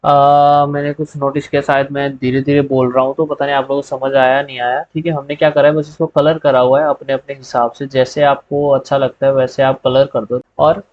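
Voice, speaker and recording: A tutorial host with a mid-range voice takes viewers through a spreadsheet in a relaxed, step-by-step manner, regularly pausing on "okay" and repeating "theek hai." The screen recording has no echo, and its lo-fi sound is slightly dull.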